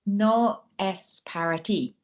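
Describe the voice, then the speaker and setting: Very slow, halting woman student. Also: mid-range voice. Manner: halting, tentative. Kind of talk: hesitant learner answers.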